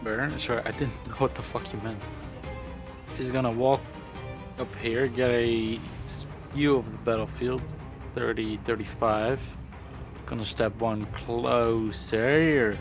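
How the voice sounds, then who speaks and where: A man's voice: mid-range voice, steady tone, measured pace. A man playing a tabletop game, casually narrating his character's actions. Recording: music playing behind. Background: background music.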